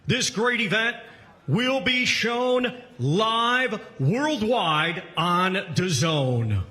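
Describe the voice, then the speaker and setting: A man announces boxing introductions in a high, bright, ringing voice. His delivery is slow and swings widely in pitch, with formal showman phrasing and drawn-out names. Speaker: ring announcer and event host. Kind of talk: boxing ring announcer introductions to a live event.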